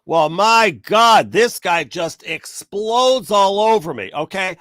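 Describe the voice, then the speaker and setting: A man's voice: sits high, slow, no room sound, studio quality. A middle-aged man telling a story in a casual rant to camera, acting out the people in it. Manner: animated storyteller, acts out quoted people, rants.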